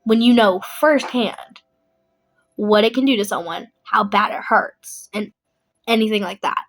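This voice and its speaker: A woman's voice: medium pitch, unhurried, low-quality recording. A young adult woman vlogging in a casual, rambling chat, blunt and emphatic, often repeating herself.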